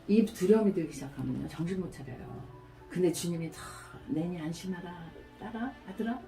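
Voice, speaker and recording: A middle-aged woman pastor delivering a sermon, telling stories with animated, acted-out quotes. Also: mid-range voice. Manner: storytelling, animated, acts out quotes. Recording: roomy, from a distance, faint music.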